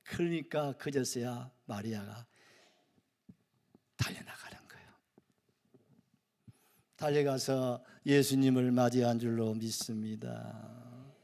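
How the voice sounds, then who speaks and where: A male pastor with a Gyeongsang accent preaching a sermon, jumping from loud questions to hushed whispers. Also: mid-range voice, fairly even intonation, slow pace, vocal fry, pauses often, in a large hall. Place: church sanctuary.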